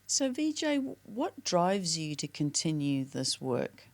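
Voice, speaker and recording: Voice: medium pitch, sing-song. A podcast host asking questions and praising the guest effusively. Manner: effusive and supportive, quick to praise. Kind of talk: casual interview talk.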